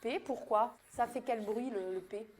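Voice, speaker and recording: A woman's voice: on the high side, measured pace, a little mellow. A woman teaching kindergarten children, patiently drawing out speech sounds and encouraging each child. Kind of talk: classroom instruction with young children. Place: kindergarten classroom.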